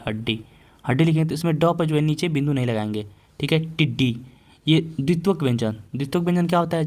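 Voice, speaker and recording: A male teacher giving an exam-prep Hindi grammar lesson, repeating example words slowly and asking the class questions he then answers himself. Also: fairly high pitch, darkish tone.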